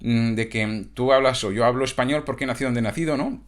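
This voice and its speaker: A man's voice: mid-range voice, fast. A man from Catalonia, a coach talking in a casual, reflective monologue that stumbles over restarts and tag questions. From Catalonia, Spain.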